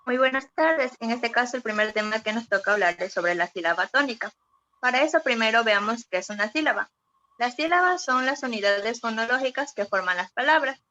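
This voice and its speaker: A woman's voice: on the high side, lively intonation, brisk, bright, forceful tone, a little hiss or hum. A young female student giving a formal class presentation, reading and explaining her notes. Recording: dull lo-fi audio.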